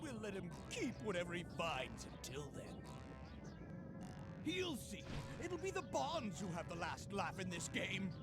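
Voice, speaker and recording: An actor voicing a scheming pirate boss in a video game, with a very old man's creaky, theatrical voice. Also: sits high, unhurried, over loud music, heavily acted. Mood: scheming, smug. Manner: theatrical, animated villain delivery. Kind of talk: video game cartoon voice acting.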